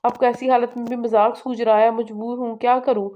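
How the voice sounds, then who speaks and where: A woman playing a wounded young fiancée in an audiobook romance, her words sharp and reproachful. The voice is fairly high, with a flat, even pitch. The recording sounds slightly muffled and lo-fi. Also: brisk, close to an everyday voice. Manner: bitter, reproachful.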